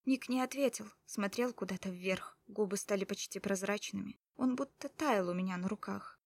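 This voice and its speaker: A woman's voice: medium pitch, normal speed, dry recording. A woman reading a first-person story aloud in an emotional, urgent way. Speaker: narrator. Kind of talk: first-person audiobook narration.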